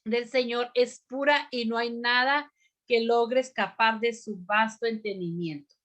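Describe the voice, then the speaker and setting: Woman preaching slow and careful to her ladies group, kinda high voice, lots of amén. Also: fairly even intonation, fairly bright tone. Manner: slow, deliberate, repeats "amén" and asks the group questions. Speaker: women's ministry teacher. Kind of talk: bible teaching sermon.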